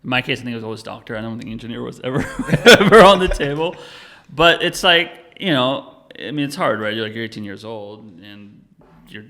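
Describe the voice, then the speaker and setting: A man's voice: mid-range voice, lively intonation, a little fast, sharp tone. A man in his thirties talking casually as a podcast guest, rambling loosely with lots of fillers and self-corrections. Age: 30s. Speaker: podcast guest, company founder. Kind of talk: casual interview talk.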